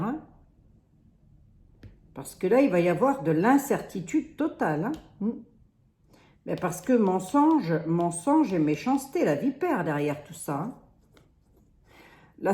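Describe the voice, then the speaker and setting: A woman's voice: fairly low pitch, warm tone, echoey room. A woman with a Lorraine accent reading tarot cards in a casual, rambling way, often restarting her sentences. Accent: Lorraine French. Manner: rambling, hesitant, full of restarts and "hein". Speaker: tarot reader. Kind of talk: casual card reading monologue.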